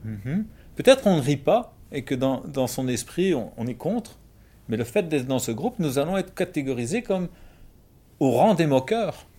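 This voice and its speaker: A man from Belgium with a Belgian French accent, explaining Bible principles in a measured, conversational way with everyday examples. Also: a little high, very animated, mellow. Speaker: Bible discussion speaker.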